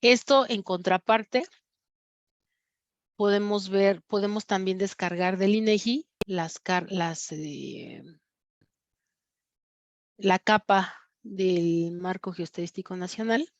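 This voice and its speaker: A woman with a Mexican Spanish accent teaching an online class, pausing often with fillers and correcting herself as she explains her screen. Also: medium pitch, no room sound, lo-fi sound. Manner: many fillers and self-corrections. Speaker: course instructor. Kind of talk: screen-sharing lecture on crime data.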